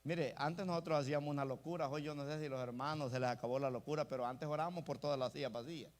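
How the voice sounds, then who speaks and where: A man's voice: on the high side, fairly even intonation, fast. A male pastor preaching an emphatic sermon, often calling out to the congregation as brothers. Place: church.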